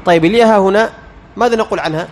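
A man teaching Quran recitation as a lecture. He quizzes the class, answers his own questions and sounds out letters slowly. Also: high-pitched, long reverb tail, a little hiss or hum.

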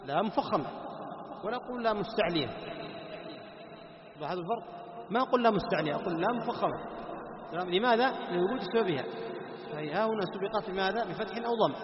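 A man teaching a Quran recitation class, questioning his students and answering himself. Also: high voice. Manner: chants Quran verses slowly as examples. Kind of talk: classroom lesson on tajweed. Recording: echoey hall, dull lo-fi, background noise.

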